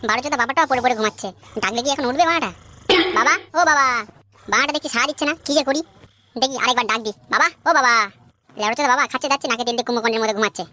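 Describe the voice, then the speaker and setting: A woman's voice: on the high side, very fast, bright, forceful tone, slight background noise. A woman voicing a cheeky, foul-mouthed young boy in a comic cartoon. She talks in a crude, whiny way. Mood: pestering.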